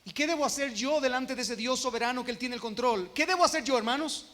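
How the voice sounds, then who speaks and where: High-voiced preacher in an echoing church. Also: male voice, fairly bright tone. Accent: Guatemalan Spanish. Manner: emphatic preaching, slows for key phrases. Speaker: pastor. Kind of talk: expository sermon. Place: church sanctuary. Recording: long reverb of a church hall.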